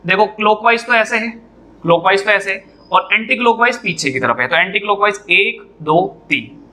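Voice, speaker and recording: A man's voice: high-pitched, animated, moderate pace, bright, forceful tone. A man teaching a reasoning lesson at a whiteboard, explaining step by step, repeating key points and putting questions to his students.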